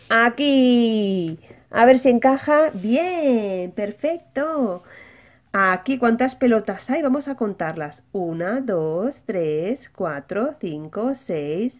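A woman's voice: a little high, highs cut off. A woman with an accent from Spain hosting a simple children's lesson, talking as if to small children, with questions she answers herself. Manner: child-directed, asks questions and answers them. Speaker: host of a children's toy channel.

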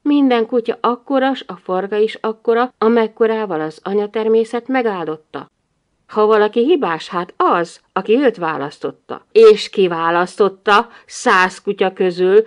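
A woman narrating a humorous novel in the first person, with a wry, lively delivery. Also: medium pitch. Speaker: audiobook narrator.

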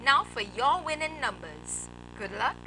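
A young woman with a high, very lively delivery hosts a lottery draw. She reads scripted announcements and numbers formally, as on television, over audible background noise. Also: measured pace. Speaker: lottery draw host, presenter. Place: TV studio.

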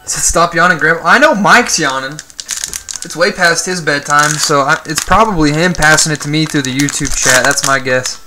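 A man's voice: fairly high pitch, normal speed, over music. A man hosting a live stream, reading player names off cards as he opens them and chatting with viewers in between. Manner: reads names aloud, chats with viewers, jokes about yawning. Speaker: card break host. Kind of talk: live-stream commentary while opening cards.

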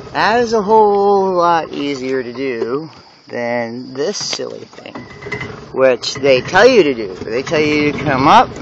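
A man vlogging playfully while driving a golf cart outdoors, goofy and excitable, with whoops and laughs. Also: a little high. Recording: dull lo-fi sound with cart noise.

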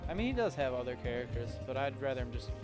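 A man's voice: medium pitch, very animated, rapid-fire, music in the background. Male esports commentator with dry asides.

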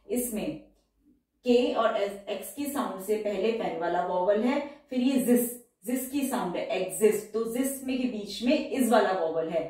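दूर माइक से गूंजती आवाज़ में पढ़ाती महिला, गहरा स्वर. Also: female voice, medium pitch, mellow, far from the mic. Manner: slow, careful repetition of example words. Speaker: shorthand teacher. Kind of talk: step-by-step tutorial. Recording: echoey room, voice off-mic.

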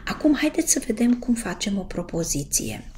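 A woman teaching a casual language lesson, greeting her viewers and slowly drawing out the example words she wants them to pronounce. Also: medium pitch, big pitch swings, darkish tone, whispered. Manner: patient, drawn-out pronunciation of example words. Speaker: German teacher.

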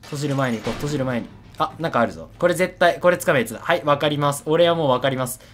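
A man's voice: fairly high pitch, animated, racing, a bit bright. A man giving casual, chattery game commentary, repeating his words and poking fun at himself. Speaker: horror game streamer.

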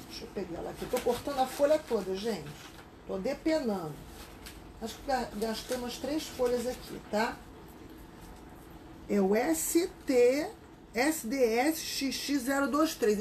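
Woman, Rio de Janeiro accent, craft teacher, casual live class, chatty, slightly high voice. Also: slight background noise, poor audio. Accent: Rio de Janeiro Portuguese. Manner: chatty, greets viewers by name.

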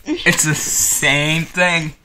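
Teen male, bright voice, casual and bossy, noisy handheld home recording. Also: fairly high pitch, steady tone, extremely slow. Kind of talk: casual chat during a candy challenge video. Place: wooden-floored room at home, indoors. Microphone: handheld phone or camera.

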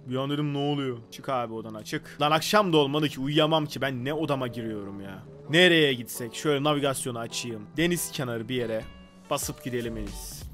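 A man giving casual role-play gameplay commentary, talking to himself in character and swinging from muttering to loud outbursts. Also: medium pitch. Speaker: gaming video creator. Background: faint background music.

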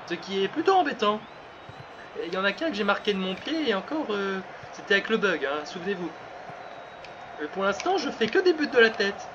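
A high, lively voice with big swings in pitch as a man calls his own football video game match, getting carried away with shouts and laughter, then talking himself back into focus. The sound is muffled and lo-fi, with a steady hiss of background noise underneath. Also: fairly quick. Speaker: gaming channel host.

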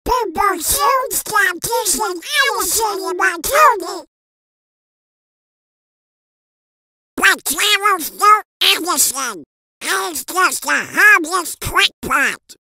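A performer voicing an excitable, scheming male cartoon duck with a squawky duck voice in a comic dub. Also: very high-pitched, slow, dry recording, studio quality, heavily acted. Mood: indignant. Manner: excitable, loudly exclaiming.

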